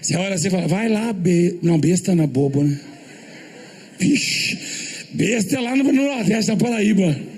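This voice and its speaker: A man's voice: high voice, lively intonation, moderate pace, darkish tone, a little hiss or hum. A man from Minas Gerais preaching a humorous church sermon. He tells jokes, asks the congregation questions, and acts out the quotes. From Minas Gerais, Brazil.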